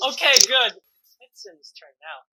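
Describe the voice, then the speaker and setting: A woman game master improvising tabletop narration, feeling out the story haltingly as she goes. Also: high-pitched, sing-song, bright, forceful tone, a little hiss or hum, low-quality recording.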